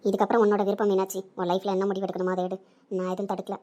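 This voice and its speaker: A woman's voice: medium pitch, little pitch movement, rapid-fire, dark tone, muffled recording, natural voice. A woman voicing a young female friend who urges and persuades her friend. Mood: pleading. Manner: urging, persuasive.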